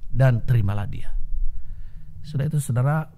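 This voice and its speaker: A man preaching in an online home worship service, speaking at a middle pitch. He tells a story and keeps calling his listeners brothers and sisters. When he quotes the characters, his voice goes up noticeably. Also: moderate pace, creaky, mellow. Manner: acts out the characters' quoted lines with raised pitch. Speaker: pastor. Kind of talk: sermon storytelling.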